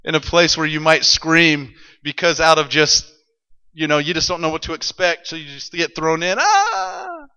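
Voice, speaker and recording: A male preacher telling a Bible story to a congregation, building from calm narration to excited shouts. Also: a little high, normal speed, clean tone, muffled recording. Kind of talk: sermon. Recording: long hall reverb.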